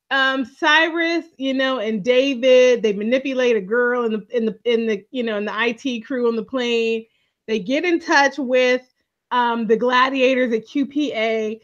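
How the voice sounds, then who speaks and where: A woman's voice: high-pitched, fairly bright tone. A woman co-hosting a casual TV recap podcast, telling the story expressively and laughing often. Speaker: podcast co-host. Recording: dull lo-fi audio.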